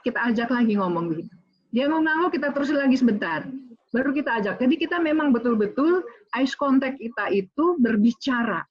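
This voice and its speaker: A middle-aged woman giving an online lecture on public speaking, talking straight to her listeners, with many fillers and restarts. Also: on the high side. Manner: many fillers and restarts, addresses audience directly. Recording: slightly dull lo-fi audio.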